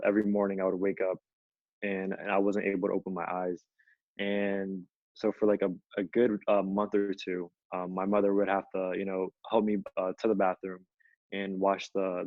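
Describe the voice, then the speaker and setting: A man's voice: deep voice, no room sound, dull audio. A young man from Ethiopia, a featured artist, telling his story casually with many fillers like "you know" over a video call. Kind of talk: conversational storytelling.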